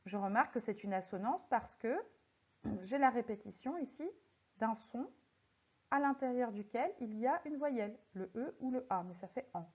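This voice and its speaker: Woman teacher, slow and deliberate, muffled audio. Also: on the high side, animated, a little mellow, breathy edge. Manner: slow, deliberate, stressing syllables one by one. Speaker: French teacher. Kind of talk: recorded lesson correcting exercises.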